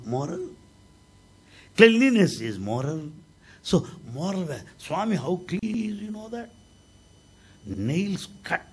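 An older man with an Indian accent giving a devotional talk, telling stories with humor and a raspy voice. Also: a little high. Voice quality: raspy, gravelly. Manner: animated storytelling with humor. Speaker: spiritual speaker.

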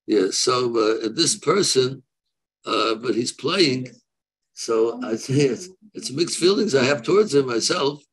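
A man in his seventies, a rabbi answering questions off the cuff on a video call, haltingly repeating and rephrasing as he weighs both sides. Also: medium pitch, animated, rough recording. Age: 70s. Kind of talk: unscripted religious question-and-answer. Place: room, seated on a video call. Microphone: video call microphone.

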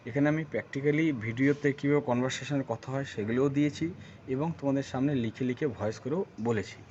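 A man from Bengal giving a casual video language lesson, repeating words slowly and often asking whether the viewer understands. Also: medium pitch, darkish tone. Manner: repeats words slowly with many check-ins. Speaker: language teacher. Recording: dull lo-fi recording, faint noise.

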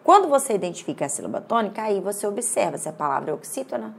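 A middle-aged Brazilian woman teaching Portuguese grammar for exams, in a lively, chatty way that repeats words to drill them. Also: mid-range voice, very fast, gravelly, a little hiss or hum. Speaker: Portuguese teacher for exam prep. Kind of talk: online exam-prep lesson.

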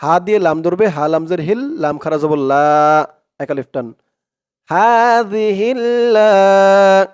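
A man teaching Quran reading, chanting drawn-out syllables for students to repeat and adding quick, quieter explanations of pronunciation rules in Bengali-accented speech. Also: a little high, dry recording. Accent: Bangladeshi Bengali. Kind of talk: slow recitation lesson with spoken explanations.

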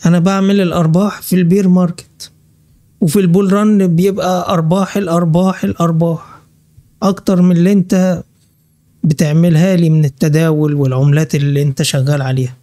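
A man's voice: sits high, fairly even intonation, dark tone, no room sound. A man with an Egyptian Arabic accent hosting a crypto channel. He walks through a list on screen and scolds hostile commenters. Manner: brisk list-reading walkthrough. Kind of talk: screen-share vlog commentary.

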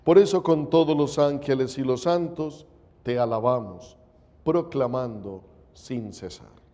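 Slow solemn priest in cathedral-like echo. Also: male voice, mid-range voice, warm tone. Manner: measured, reverent. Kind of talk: solemn liturgical prayer and preaching. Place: indoor chapel, at altar and lectern. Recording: echoing chapel with long reverb.

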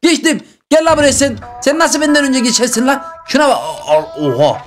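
High, fast-talking excitable gaming guy. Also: soft background music. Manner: excitable and joking, talks to viewers. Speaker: gaming channel host. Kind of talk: excited gameplay commentary.

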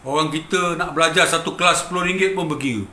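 Emphatic Malaysian man, bright and tense. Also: on the high side, quick pace, slight background noise. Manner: emphatic, repetitive, keeps addressing the listener as "bang". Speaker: guitarist telling his story. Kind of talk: emotional personal storytelling. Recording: roomy echo with faint ambience.

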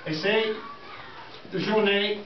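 A middle-aged man from southern England, a native English speaker with an English accent, teaching a school class in simple, halting phrases with repetitions. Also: sits high, fairly even intonation. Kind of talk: classroom lesson. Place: indoor school classroom with pupils. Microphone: distant camera microphone. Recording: echoey noisy classroom, muffled, from far off.

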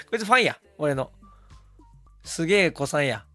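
Hoarse, excitable male streamer. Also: a little high, measured pace, faint music behind. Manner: excitable, switches between laughing and yelling. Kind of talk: casual stream talk reacting to comments.

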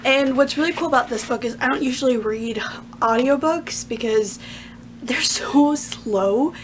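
A woman's voice: high voice, a little slow, a little hiss or hum. Chatty young woman gushing over a book. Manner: chatty and gushing, laughs often, fillers like "like". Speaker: book reviewer. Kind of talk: casual book review vlog.

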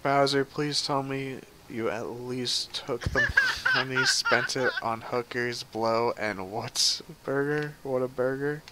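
A man's voice: medium pitch, takes it slowly, very noisy. A man casually commenting on his live gameplay stream, chatty and profane, answering his chat as he plays.

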